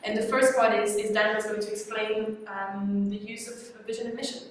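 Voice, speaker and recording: A woman's voice: mid-range voice, flat delivery, fairly quick. A woman from Belgium giving a team case presentation, hesitant with many repeated words and fillers. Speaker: student presenter. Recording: echoey room from a distance.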